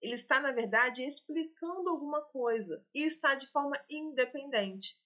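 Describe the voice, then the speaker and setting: A woman's voice: sits high, normal speed, pushed and bright. A woman, teaching and working through exam questions, explaining and talking straight to her students. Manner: explanatory, addresses students directly.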